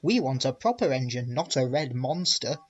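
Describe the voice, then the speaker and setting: A man's voice: medium pitch, animated, normal speed, breathy edge, lo-fi sound. A man voicing a crowd of rude, taunting railway trucks in a storybook reading. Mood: jeering. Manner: taunting, screeching.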